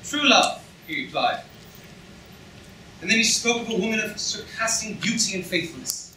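Man playing Dread Pirate Roberts, sharp and high-pitched. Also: expressive, normal speed, exaggerated voice. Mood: taunting. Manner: sardonic, theatrical. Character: mocking, menacing, masked male pirate captain. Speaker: actor in a student staged reading. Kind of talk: staged reading, stage acting. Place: lecture hall stage, indoors. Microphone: far camera in audience. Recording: echoey hall, distant audience-camera mic, noisy.

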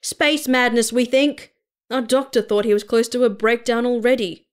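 A woman voicing a calm, practical male Martian first officer with dry remarks. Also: medium pitch, normal speed, lightly acted. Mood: urgent.

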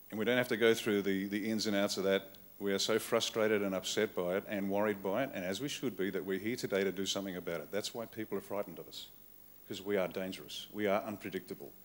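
An Australian man giving a political keynote speech at a conference, blunt and wry in short punchy phrases. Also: fairly low pitch. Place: conference hall with live audience.

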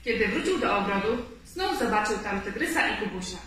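A woman reading a children's story aloud in a clear, expressive way. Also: medium pitch, a little fast, a little hiss or hum. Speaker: storybook reader. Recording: echoey room, far mic.

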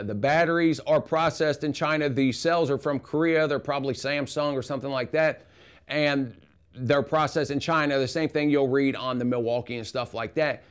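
A man giving a casual, rambling tool review in his home garage, with frank opinions. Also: on the high side.

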